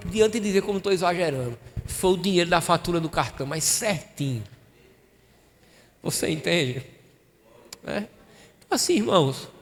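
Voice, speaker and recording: A man preaches a sermon in a raised, high voice. He tells his story with emotion and acts out each exchange. The sound carries a long church-hall reverb. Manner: emotional storytelling, acting out dialogue. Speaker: pastor.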